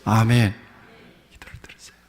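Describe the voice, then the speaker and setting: A male pastor preaching a sermon, leading his congregation in call-and-response. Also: normal speed. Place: church sanctuary. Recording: long church hall reverb.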